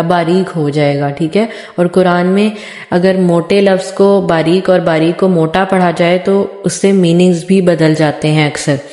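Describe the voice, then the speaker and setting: Patient woman teacher, dark echoey voice. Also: medium pitch. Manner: patient, repeats sounds slowly for practice. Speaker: Quran recitation teacher. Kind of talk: tajweed lesson.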